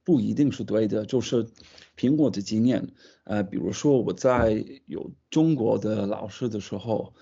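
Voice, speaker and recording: A foreign man with English as his first language speaks accented Mandarin in an interview. His voice is low-key and mellow with a gravelly creak, and he feels his way through sentences, repeating words. The audio is slightly dull and lo-fi. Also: normal speed. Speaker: language student being interviewed. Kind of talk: casual interview in a second language.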